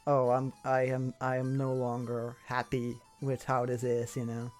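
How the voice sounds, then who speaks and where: Over soft background music, a man interviewing someone chats casually in a monotone, mid-range voice at an unhurried pace. He rambles through explanations and often repeats himself.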